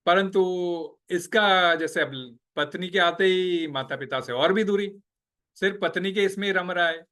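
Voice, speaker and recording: A man's voice: high-pitched, a little slow, pushed and bright. A man giving a devotional class and telling a temple story in a conversational way, mixing in English phrases and asking his listeners questions. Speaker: devotional speaker.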